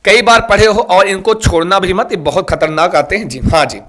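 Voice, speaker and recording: A man speaking at normal speed, his voice high and fairly bright, teaches a live exam-prep class online. He asks students questions and keeps nudging them, over and over, to like and share.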